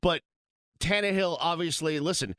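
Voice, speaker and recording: A man's voice: fairly high pitch, dry recording. A man from Boston co-hosting a sports radio show in a casual, emphatic way. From Boston, USA. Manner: animated, emphatic, quick asides. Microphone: studio microphone.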